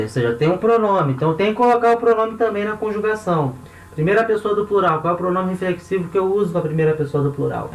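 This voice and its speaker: A man with a Brazilian accent teaching a recorded online lesson, patiently repeating words slowly and checking in with short questions. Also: high voice, a little hiss or hum. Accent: Brazilian Portuguese, Rio de Janeiro. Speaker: language teacher. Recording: echoey room.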